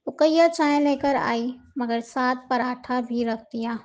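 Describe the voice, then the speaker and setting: A woman narrating a novel with slow, emotive storytelling. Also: high voice, darkish tone, dull audio.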